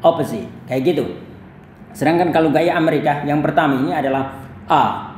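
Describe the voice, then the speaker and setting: A man's voice: a little high, fairly even intonation, a little mellow, roomy sound, a little hiss or hum. A man from Indonesia teaching English pronunciation, explaining patiently and repeating each word several times. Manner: explains slowly, repeats words many times with "ya". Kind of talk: pronunciation lesson.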